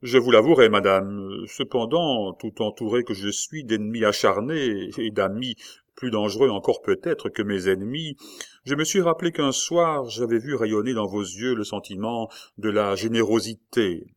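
A man's voice: lowish voice, normal speed, natural voice. A man reading aloud, voicing a wary, shrewd young king who speaks with guarded courtesy.

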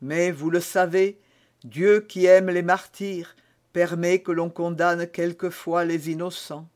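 A man narrates an audiobook role of a desperate, scheming imprisoned woman, pleading and praying with theatrical tears in an indignant, pleading mood. His voice sits high with a darkish tone, little pitch movement, and a slow pace.

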